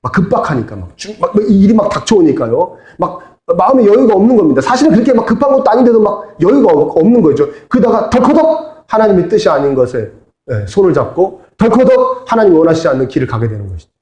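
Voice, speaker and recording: This pastor's sermon is very animated: he talks fast in a high voice with a dark tone, calling on his congregation to repeat after him and answer back. It's recorded in an echoey church sanctuary.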